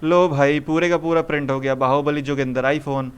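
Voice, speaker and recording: A man's voice: a little high, fairly even intonation, normal speed, clean tone. A young man teaching programming to a live classroom, coaxing students with repeated questions. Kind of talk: live classroom coding lesson.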